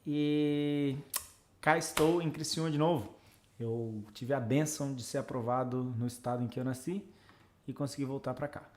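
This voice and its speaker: A man's voice: mid-range voice, fairly even intonation, normal speed, a little mellow, slight background noise. A man from Brazil, tutoring exam students on a casual live stream and chatting through viewers' comments. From Santa Catarina, Brazil.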